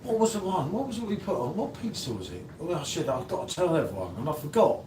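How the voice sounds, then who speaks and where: A man's voice: on the high side, big pitch swings, quick pace, a little mellow, recorded from a distance. A man around fifty, co-hosting a live beer review stream and chatting casually with teasing, rambling banter. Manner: teasing, rambling, chatty, says "mate" often. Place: indoor room, live stream. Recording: roomy, off-mic, faint background hum.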